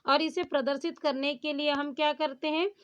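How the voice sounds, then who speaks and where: A woman's voice: sits high, fairly even intonation, moderate pace, a bit bright. A woman teaching a Hindi grammar lesson on poetic meter. She keeps asking rhetorical questions and then answers them herself. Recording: dull lo-fi sound.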